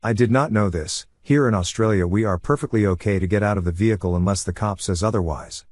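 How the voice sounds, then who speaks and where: A man reading online forum comments aloud in an even, matter-of-fact way as the narrator of a compilation. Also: lowish voice, fast talker, no echo.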